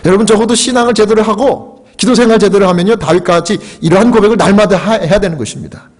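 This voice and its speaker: A man's voice: high-pitched, quick pace. A middle-aged man, a pastor, preaching a sermon in a church, emphatic and acting out fervent prayers. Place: church sanctuary.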